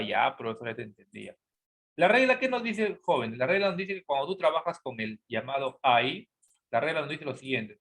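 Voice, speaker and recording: A man teaching English grammar to students. He asks questions, then answers them himself as an imagined student, and his voice trails off softly at the end of those replies. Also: on the high side. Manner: spells out each word and repeats each rule.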